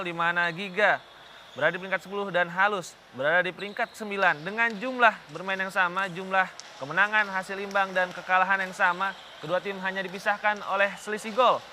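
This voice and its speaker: A man's voice: high voice, bright, forceful tone. A man giving live TV futsal commentary in a presenter's manner. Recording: clear venue noise behind commentary.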